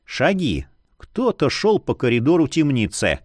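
Man, audiobook narrator, expressive, animated pitch, dry recording. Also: a little slow, dry recording. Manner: expressive storytelling.

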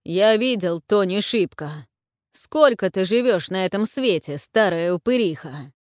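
A woman voicing a stern, menacing male warlord who speaks harshly and slowly. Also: mid-range voice, lively intonation, smooth, no echo, studio quality, close to an everyday voice. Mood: seething. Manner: harsh, growling, slow pressing speech.

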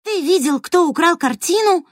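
High young girl, voiced by a woman. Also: normal speed, no room sound, clean studio sound, close to an everyday voice. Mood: worried. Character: tired curious young girl.

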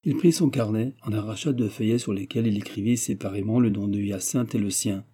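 A man reading a classic novel aloud in measured, scripted narration. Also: lowish voice, warm tone, husky. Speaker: audiobook reader.

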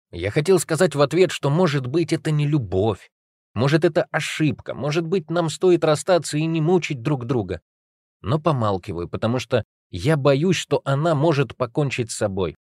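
A man's voice: on the high side, very animated, moderate pace, darkish tone, dry recording, clean studio sound. A man narrating a novel in the first person, with a wry, agitated and confessional delivery. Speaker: audiobook narrator.

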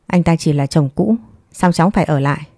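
A woman voicing a composed, divorced young mother who speaks calmly and firmly, weighing each word. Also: sits low, dry recording, clean studio sound. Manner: calm, measured, clipped.

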